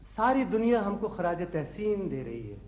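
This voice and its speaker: A pompous young poet son, high voice, flowery talk, roomy stage sound, old tv stage play. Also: male voice, big pitch swings, moderate pace, a little mellow. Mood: declaiming. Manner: pompous, ornate. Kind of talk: 1990s television stage play acting.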